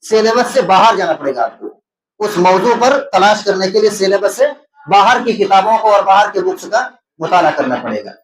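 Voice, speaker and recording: Man, high voice, Indian Urdu accent, exam-prep teacher, asks and answers his own questions, echoey room. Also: animated. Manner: repeats key terms and explains them.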